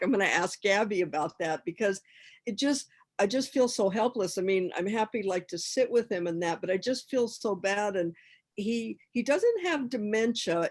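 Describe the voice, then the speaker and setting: A woman with a medium-pitched voice speaks casually as a volunteer asking for advice. Her delivery is halting, with repeated words as she searches for how to put things. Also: a little mellow. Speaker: hospice volunteer seeking advice. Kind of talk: casual, personal account on a group call.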